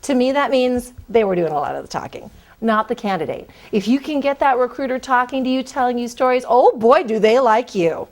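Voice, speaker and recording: A woman's voice: on the high side, expressive, brisk, darkish tone. A woman recruiter giving career advice in a conversational, emphatic way, speaking directly to her listeners. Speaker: corporate recruiter.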